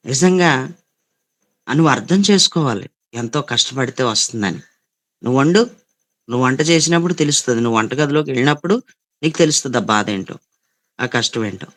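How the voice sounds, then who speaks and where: A man's voice: mid-range voice, fairly bright tone. A man with a Telugu accent preaching a sermon as a pastor, repeating phrases and scolding his listeners. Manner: repetitive, scolding preaching with quoted voices.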